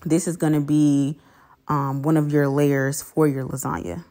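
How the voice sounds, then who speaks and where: A woman giving relaxed, plain-spoken, step-by-step cooking instructions as a voice-over. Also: deep voice, measured pace.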